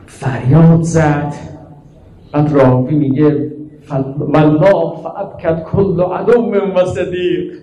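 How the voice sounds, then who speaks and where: High-voiced preacher, echoing hall. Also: male voice, muffled recording. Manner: swings from quiet storytelling to high chanted lament. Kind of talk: Shia mourning sermon with Arabic recitation and prayer.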